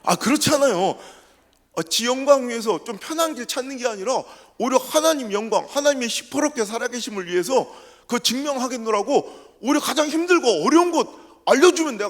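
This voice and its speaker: A man with a Chungcheong Korean accent preaching a revival sermon, telling his testimony with humor and mimicking dialects. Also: very high-pitched. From South Korea. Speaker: pastor. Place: church sanctuary. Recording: reverberant church sanctuary.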